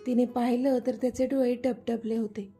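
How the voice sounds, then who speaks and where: A woman narrating a serialized family story in a steady, expressive reading. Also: on the high side, moderate pace. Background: soft background music.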